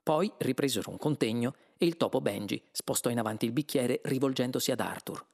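A man reading a novel aloud as scripted narration with an expressive delivery. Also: mid-range voice, brisk, creaky. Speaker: audiobook reader.

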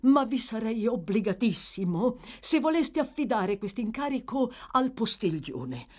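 A woman's voice: on the high side, very animated, unhurried, darkish tone, voice pushed up. Brief: woman voicing formal, teary, self-important old servant. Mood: fussy.

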